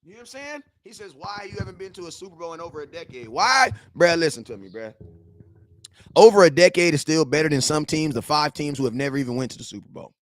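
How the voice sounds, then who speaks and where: A man's voice: a little high, quick pace. Fired-up 40-year-old man ranting to chat. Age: 40s. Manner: animated, slangy trash talk, shouts at chat. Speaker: sports fan streamer. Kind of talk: live chat-reading rant.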